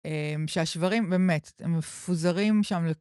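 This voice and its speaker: A woman's voice: lowish voice, darkish tone, clear, resonant tone, no echo, studio quality. A woman who works as a couples counselor talks on a podcast in a hesitant way, often stopping and restarting her sentences. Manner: hesitant, many fillers and restarts. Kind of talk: podcast conversation.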